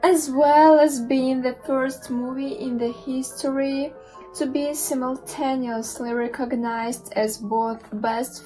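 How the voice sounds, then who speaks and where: A woman playing a mysterious fortune teller who makes slow, solemn pronouncements. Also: a little high, poor audio.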